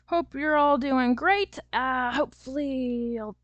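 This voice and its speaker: Chatty woman author, slightly high voice. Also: slow pace, dry recording, muffled recording. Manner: chatty and loose, with many fillers and small laughs. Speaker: self-published author. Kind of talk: casual vlog talk.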